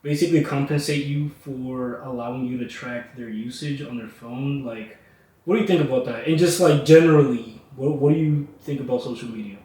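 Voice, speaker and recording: A man's voice: mid-range voice, brisk, warm tone. A young man hosting a casual podcast chat, laid-back, with lots of fillers and laughs. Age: young adult. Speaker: podcast host. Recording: echoey room, mic at a distance.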